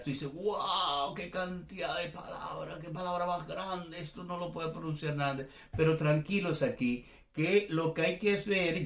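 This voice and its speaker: A man teaching an informal language lesson, talking loosely and filling gaps with hesitations. He acts out examples with exaggerated intonation. His voice carries a noticeable room echo at a middling pitch. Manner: chatty, many fillers and restarts, exaggerated examples. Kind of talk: casual online language class.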